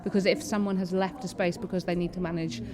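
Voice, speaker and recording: This low-ish, fast-talking woman barely moves her pitch as she chats as an interview guest. She's a panellist and theatre-maker, and involuntary vocal tics sometimes slip stray words into her speech. Crowd chatter fills the busy venue behind her.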